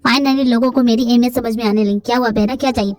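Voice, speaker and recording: A woman's voice: on the high side, steady tone, fast, darkish tone, no room sound, soft background music, voice pushed down, natural voice. A woman voicing a cheeky younger brother who teases his sister in a fan dub. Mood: teasing. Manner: teasing, playful. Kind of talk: Hindi fan dub, one reader voicing all.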